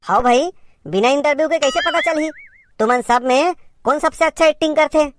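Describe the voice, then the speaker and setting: A woman's voice: high-pitched, a little fast, a little hiss or hum. A woman with a Chhattisgarhi accent performing a comedy sketch as a bossy teacher who scolds and directs her pupils.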